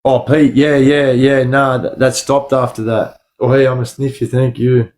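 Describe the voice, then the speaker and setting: A man with an Australian accent and a dark, relaxed tone, talking at a middle pitch. He hosts a casual livestream, rambling in blunt slang and doubling back on his own phrases. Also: moderate pace. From Sydney, Australia. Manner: slangy, blunt, often addressing listeners as bro or lad. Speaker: livestream host.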